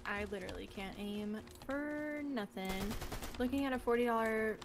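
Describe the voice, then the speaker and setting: A woman's voice: on the high side, normal speed, crowd noise. A woman in her late twenties co-streaming a game, teasing and joking in a casual chat. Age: late 20s. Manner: teasing, joking, deadpan asides.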